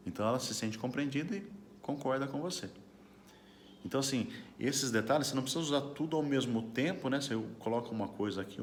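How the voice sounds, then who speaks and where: Guy, middle-aged trainer, talks casual with lots of "right?", bit of room hiss. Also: medium pitch. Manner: chatty, frequent tag questions. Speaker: corporate trainer. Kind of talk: casual teaching to camera.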